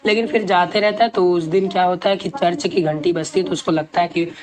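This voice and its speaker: Indian lady tutor, lowish voice, explains a story in hindi, lots of fillers. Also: steady tone. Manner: reads English text slowly, then explains it in Hindi with many fillers. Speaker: teacher.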